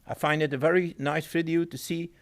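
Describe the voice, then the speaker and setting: A man with an other than giving a technical presentation at a conference. He pauses, repeats words and phrases things in his own way. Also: a little high, fairly even intonation. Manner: halting, repeats words, non-native phrasing. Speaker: conference speaker.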